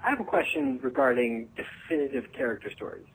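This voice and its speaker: A man's voice: medium pitch, animated, brisk, husky, poor audio. A man leaving a voicemail to ask a show a question, played back on air, listing examples and asking questions one after another.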